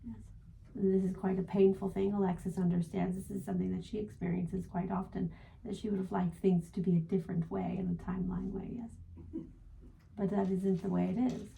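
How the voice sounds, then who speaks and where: A woman channeling a gentle male spirit guide as a seance medium, speaking formally and ending phrases with a questioning "yes?". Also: medium pitch, flat delivery, brisk, vocal fry, rough recording. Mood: gentle, assured. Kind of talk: spiritual guidance in trance channeling session.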